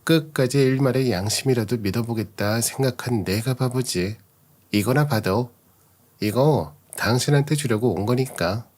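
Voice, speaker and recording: A man's voice: mid-range voice, normal speed, darkish tone, natural voice. A man voicing a betrayed young wife who confronts her husband with cold sarcasm. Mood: scornful.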